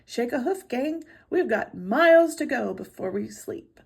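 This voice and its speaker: A woman's voice: fairly high pitch, expressive, measured pace, gravelly, husky, heavily acted. Woman voicing a jolly, hearty old Santa Claus. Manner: hearty, chuckling.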